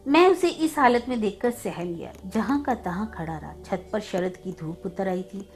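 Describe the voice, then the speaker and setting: A woman storyteller narrating a story in a slow, somber reading manner. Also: medium pitch, lively intonation. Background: faint music.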